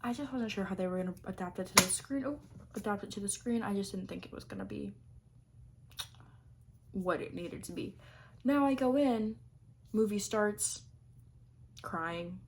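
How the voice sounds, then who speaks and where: A woman's voice: mid-range voice, normal speed, pauses often, a little hiss or hum. A young adult woman chatting casually to camera about her favorite things of the year, gushing and rambling with plenty of fillers. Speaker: vlogger.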